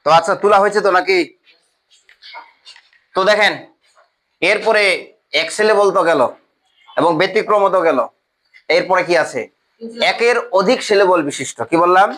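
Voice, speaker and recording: Bright, high-voiced male grammar teacher. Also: moderate pace, long pauses, rough recording. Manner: repetitive, checks often with the class, spells out letters. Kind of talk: classroom lecture.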